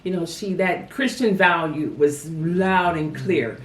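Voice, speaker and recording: A woman's voice: lowish voice, slow pace. A woman reflecting on family memories in an interview, telling stories with frequent "you know". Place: family home. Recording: roomy sound from a distant mic.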